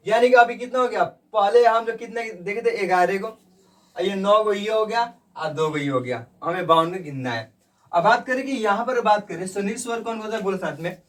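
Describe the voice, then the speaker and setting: A man teaching a classroom grammar lesson in a fairly high voice, throwing questions out and answering them himself. He repeats each point to drill it in and keeps addressing his pupils as "brother". He sounds a little distant from the microphone. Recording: voice somewhat far from the mic.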